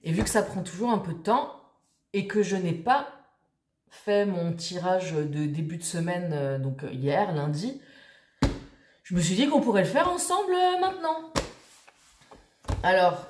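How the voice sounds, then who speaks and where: A woman's voice: lowish voice, darkish tone, reverberant, slight background noise. A woman vlogger chatting casually to her viewers, rambling with many fillers and restarts. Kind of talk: casual chat to camera.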